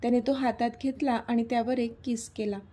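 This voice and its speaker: A woman narrating a serialized romance story in a steady, gentle reading manner. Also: a little high, fairly quick, slightly rough.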